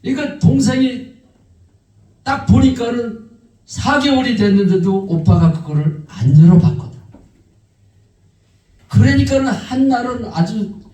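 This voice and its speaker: Lively high-voiced preacher in an echoey hall. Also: male voice. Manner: animated, acts out quoted voices. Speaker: pastor. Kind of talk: sermon testimony storytelling. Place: church sanctuary. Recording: echoey church hall, mic far off.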